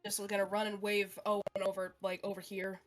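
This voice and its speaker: A woman's voice: medium pitch, little pitch movement, fairly quick, soft background music. A woman chatting informally as a player in a tabletop role-playing game, swearing freely. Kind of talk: casual tabletop game play.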